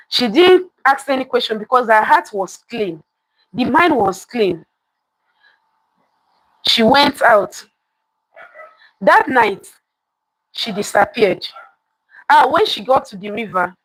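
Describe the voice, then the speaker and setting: A fairly high-voiced woman leads a live folktale session, echoing key lines and quizzing the people watching. The room adds no sound, but the recording quality is low.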